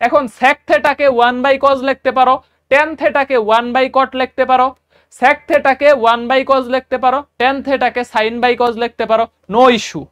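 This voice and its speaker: With a very high, slightly bright and smooth voice, a Bangladeshi Bengali-accented man tutors math for exam prep. His delivery is flat and a little slow as he chats casually, goes over key steps again, and puts quiz questions to his students.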